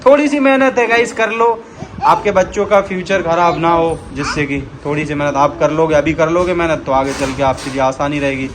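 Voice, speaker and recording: A man's voice: fairly high pitch, steady tone, brisk. A man hosting a casual family vlog at home, chatty and teasing as he talks with small children. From Bundelkhand, India. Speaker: vlog host. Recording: noisy home recording.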